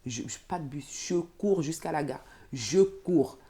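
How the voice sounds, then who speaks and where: A middle-aged Cameroonian woman, appearing as a guest, recounts her life story and performs the voices of the people in it. She speaks low and at a measured pace, a vivid storyteller.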